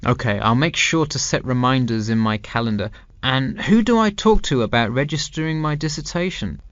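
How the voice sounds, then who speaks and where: A man's voice: mid-range voice, lively intonation, normal speed, no room sound, muffled recording, close to an everyday voice. A man playing a university student in a scripted, carefully enunciated textbook dialogue. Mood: polite, inquiring. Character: male university student discussing his dissertation with an adviser. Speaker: student in a listening-test dialogue.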